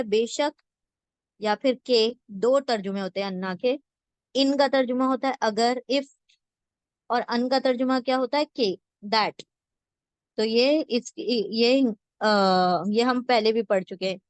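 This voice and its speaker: A woman teaching a word-by-word scripture translation lesson, slowly and patiently, repeating each word and checking that listeners follow. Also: on the high side, no echo. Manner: slow patient teaching, repeats words and asks "theek hai?".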